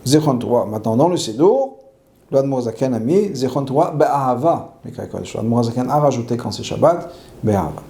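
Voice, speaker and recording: Male rabbi teaching a law class, gravelly and dark-toned, reads Hebrew then explains, repeats key phrases. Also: medium pitch, expressive, brisk. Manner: asks questions and answers them himself.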